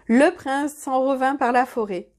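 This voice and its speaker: High-voiced woman reading a fairy tale. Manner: measured, expressive reading. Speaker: storyteller. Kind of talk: reading a children's story aloud.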